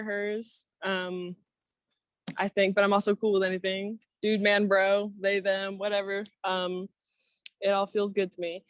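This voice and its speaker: A woman with a middle-pitched voice chats as a guest on a video call. She sounds laid-back and a little hesitant. The sound is dry and close. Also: clean tone, dry recording. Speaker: guest, guitarist. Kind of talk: casual chat.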